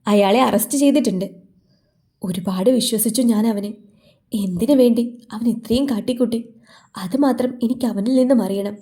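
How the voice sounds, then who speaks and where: A woman voicing a troubled older man in a storybook romance, speaking earnestly and gravely. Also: mid-range voice, moderate pace, long pauses, mellow, close to an everyday voice.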